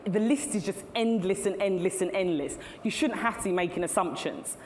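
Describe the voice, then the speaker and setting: The keynote speaker is a middle-aged woman with a mid-range voice talking at a normal speed. Her talk to the live audience in a large tech-event hall is chatty, and she laughs at her own asides, with long reverb, faint ambience and slight background noise in the recording.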